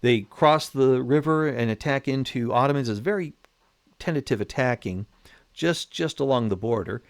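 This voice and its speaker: A man giving a casual, animated history lecture, acting out nations as characters. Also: medium pitch, normal speed, no echo. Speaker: history lecturer, channel host.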